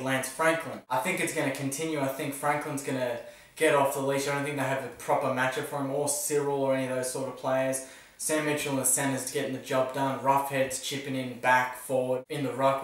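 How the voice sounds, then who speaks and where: An Australian footy tipster vlogger previews the football round in a casual, opinionated manner, cracking self-mocking jokes. His voice is medium in pitch and sounds far from the mic, recorded in an echoey room.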